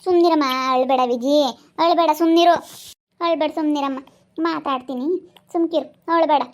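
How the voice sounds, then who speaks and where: A woman's voice: sits high, steady tone, fairly quick, natural voice. A woman playing an older mother soothing her daughter. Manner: soothing, repeats herself. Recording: dull lo-fi sound.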